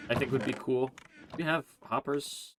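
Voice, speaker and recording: A man hosting a Let's Play, chatting through his gameplay in a relaxed, rambling way, thinking aloud with plenty of "uh" and "like". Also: mid-range voice, moderate pace, a little hiss or hum. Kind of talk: casual gameplay commentary.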